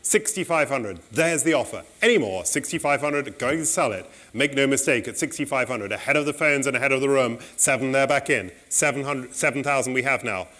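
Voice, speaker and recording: Man, middle-aged, auctioneer, brisk polite bid calling, saleroom, room mic. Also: mid-range voice, bright, forceful tone.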